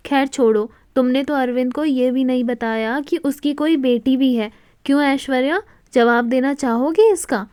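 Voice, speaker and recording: A woman's voice: high-pitched, normal speed, a little mellow, smooth, no echo, studio quality, natural voice. A woman voicing a bold, direct young wife who confronts her family with pointed questions. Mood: determined.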